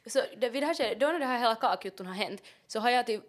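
High, lively young Finland Swedish woman. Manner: chatty, heavy use of fillers like liksom, mixes in English. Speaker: podcast co-host. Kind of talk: casual chat.

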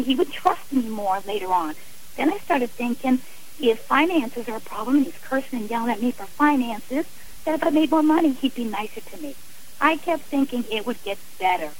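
This low-quality recording, with a little hiss or hum, captures a medium-pitched woman being interviewed on the radio. She offers personal, advisory talk in an earnest, emphatic tone, leaning on examples and repeated phrasing to explain herself.

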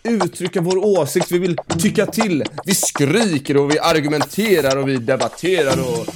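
A man's voice: on the high side, over loud music. A man in a comic podcast debate, arguing emphatically and mockingly, swearing now and then.

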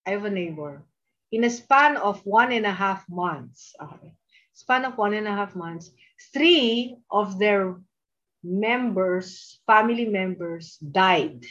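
A woman's voice: medium pitch, lively intonation, takes it slowly, fairly bright tone. A woman with a Filipino accent preaching a sermon, stressing her points and checking in with her listeners through frequent tag questions. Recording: dull lo-fi recording.

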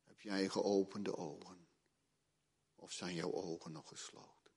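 A pastor preaching a sermon in a church, dramatic and earnest, acting out the people in the story with rising urgency. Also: male voice, sits low, flat delivery, unhurried, creaky. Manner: dramatic, retells the story with emotional voices, rises to loud pleading. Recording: long church reverb.

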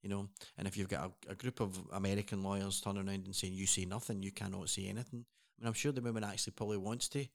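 A man's voice: deep voice, level tone, racing, gravelly. A man co-hosting a casual news chat, earnest and rambling with frequent restarts. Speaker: co-host.

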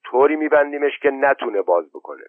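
Reader voicing a firm, practical villager who takes charge; dry, phone-thin recording. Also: male voice, medium pitch, lively intonation, no echo, voice pushed up, lightly acted. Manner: firm, giving instructions. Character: practical, decisive village man. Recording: tinny phone-like narrow band.

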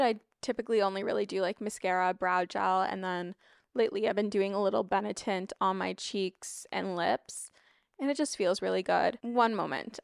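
Young woman with crackly vocal fry. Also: mid-range voice, no room sound, clean studio sound. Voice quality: vocal fry, slight rasp. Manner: informal, frequent asides and digressions. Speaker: lifestyle vlogger. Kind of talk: casual, chatty spoken routine rundown. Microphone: close microphone, wearing wired headphones.

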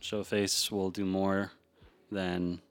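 Low-voiced relaxed podcast host. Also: male voice, slow pace. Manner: relaxed, rambling, with frequent restarts. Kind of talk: casual podcast chat.

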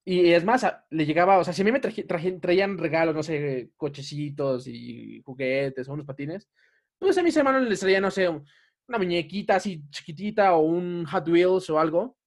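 A man's voice: a little high, normal speed. A young man with a Mexican Spanish accent, telling a story in a casual podcast chat and laughing often.

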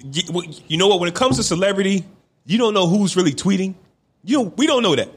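A man's voice: high voice, expressive, quick pace, slightly rough. A young man co-hosting a podcast in casual chat, opinionated, often checking with "right?". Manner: opinionated, makes his points with repeated checks like "right?". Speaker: podcast co-host.

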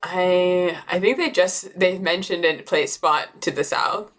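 A woman acting as game master, narrating a tabletop role-playing game in a relaxed, descriptive way with fillers. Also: fairly low pitch, measured pace.

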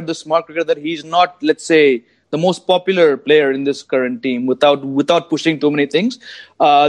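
A man's voice: high-pitched, no echo. A man with an Indian accent in a casual sports discussion, mixing English with Hindi in an emphatic, informal way. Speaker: cricket podcast panelist.

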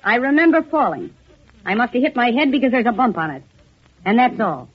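A brash young hustler in a 1940s radio drama, tough-talking and slangy. Her voice sits high and husky and swings freely up and down. The old broadcast sounds dull and lo-fi. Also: big pitch swings, fairly quick. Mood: defiant. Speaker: young woman claiming to be a lost heiress.

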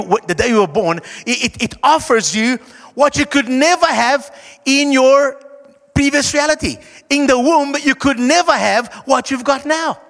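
South african guy preaching, really high voice, bit gravelly, big echoey hall, stresses his words. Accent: broad South African. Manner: animated, emphatic, dramatic pauses, slowed stressed phrases. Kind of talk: sermon, conversational Bible teaching. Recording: echoey hall with long reverb.

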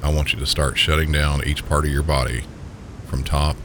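A man with an extremely deep voice and a Southern US accent works as a sleep story narrator. He speaks gently and calmly, guiding the listener slowly toward rest. A steady, loud low rumble of noise runs behind him. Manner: calm, gentle, unhurried guiding. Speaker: sleep story podcast host. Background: low pink-noise rumble.

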